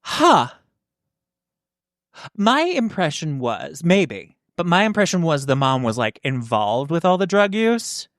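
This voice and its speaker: A woman's voice: low voice, big pitch swings, takes it slowly, no room sound, clean studio sound. A woman co-hosting a podcast, chatting casually and gossiping, with lots of "like" fillers. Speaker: podcast co-host. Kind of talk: casual chat.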